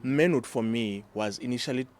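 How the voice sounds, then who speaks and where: In a casual, reflective discussion, a middle-aged Xhosa-speaking father from South Africa's Eastern Cape talks about fatherhood as a panelist. He speaks at medium pitch in a measured, thoughtful way, often checking in with his listeners.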